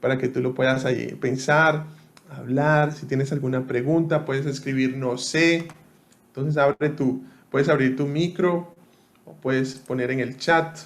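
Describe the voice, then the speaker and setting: A man's voice: mid-range voice, steady tone, a little slow, vocal fry. A young man teaching a Bible study to an online group, conversational and often asking listeners to respond.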